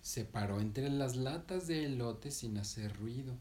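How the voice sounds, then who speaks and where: A man's voice: medium pitch, animated, unhurried, dark tone, slight background noise. A man telling a children's story, playful and chatty, correcting himself and asking the listener questions.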